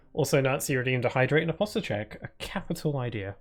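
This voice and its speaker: A medium-pitched streamer talks a little fast with lively intonation as he plays. It's loose live-stream chatter, replying to viewers aloud with plenty of fillers and restarts, in what he calls his permanent cold voice.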